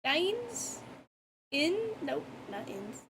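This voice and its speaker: A woman's voice: high voice, sing-song, very slow, noisy background. A woman with a morning voice chatting casually and teasing playfully during a word game on stream.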